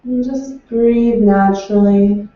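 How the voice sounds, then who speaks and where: Slow, soothing woman guiding a meditation. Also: mid-range voice, fairly even intonation. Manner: slow, soothing, unhurried instructions. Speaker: meditation guide. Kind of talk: guided meditation. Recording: distant, echoey and dull.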